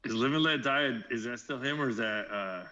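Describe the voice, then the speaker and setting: A man in a casual podcast chat, telling jokes and telling stories in an animated way. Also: mid-range voice, fairly quick, lo-fi sound. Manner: joking, animated storyteller. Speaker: podcast co-host.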